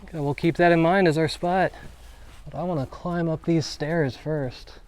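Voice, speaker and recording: A man's voice: on the high side, steady tone, normal speed. A man talking casually to his vlog, thinking aloud as he explores outdoors. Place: outdoors at an abandoned island fort.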